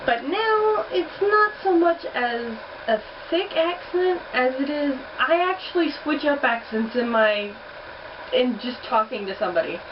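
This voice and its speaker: This young woman's voice sits high and is expressive, if a little slow, as she talks bluntly and swears here and there in her casual accent challenge vlog. The audio is a distant, muffled home recording with heater noise.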